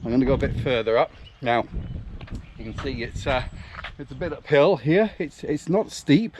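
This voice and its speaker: A man's voice: medium pitch, moderate pace, a little mellow. A man out of breath, chatting casually to his vlog while jogging outdoors on an uphill road. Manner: talking while jogging, puffing. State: out of breath, occasional cough. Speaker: running vlogger. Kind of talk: casual vlog chat to camera. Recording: noisy outdoor recording.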